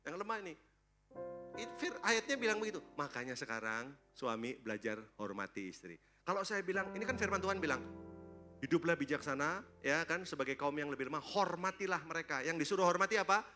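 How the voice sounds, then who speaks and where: A man preaching a sermon at a church service, lively and joking, constantly throwing questions at the congregation. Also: fairly high pitch, a little fast, music in the background. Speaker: pastor.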